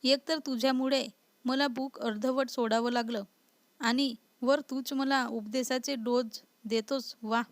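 A woman voicing an indignant young wife who is easily scared and quick to sulk. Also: high-pitched, steady tone, no room sound. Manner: indignant, sulky.

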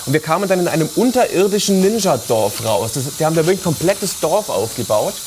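A man co-hosting a cooking show in a studio kitchen, telling a lively travel anecdote. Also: on the high side, quick pace, a little hiss or hum. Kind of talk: casual storytelling.

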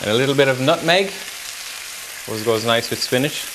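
A thirties-aged chef talks through a recipe step by step while cooking in a home-style kitchen, his medium-pitched voice moving a little fast. His relaxed instructions come over a noisy recording full of sizzling pans.

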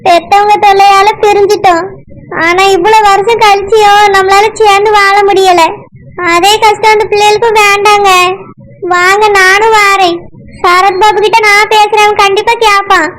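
Woman doing a squeaky tearful cartoon village wife, pleading, Tirunelveli Tamil accent, noisy background. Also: flat delivery, normal speed, a bit bright. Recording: clear background noise.

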